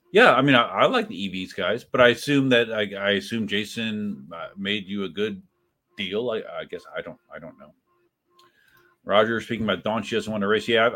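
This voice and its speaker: A man's voice: lowish voice, a bit bright. A man hosting a livestream, chatting casually, rambling and correcting himself as he reads out viewers' messages after a few drinks. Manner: rambling and self-correcting, talks to viewers by name. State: has had a few drinks. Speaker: livestream host.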